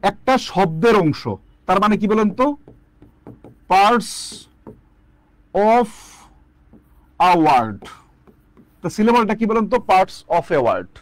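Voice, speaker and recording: A man's voice: sits high, animated, fairly quick. A man teaching an online English lesson, asking students questions and drilling the answers back. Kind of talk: online lecture.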